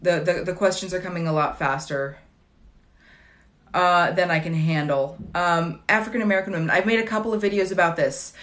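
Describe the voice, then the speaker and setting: A woman's voice: fairly low pitch, fairly quick, a bit bright. Wry, chatty woman on a livestream. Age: late 30s. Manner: chatty, wry and digressive, with dry jokes. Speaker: livestream host answering viewer questions. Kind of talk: casual livestream chat.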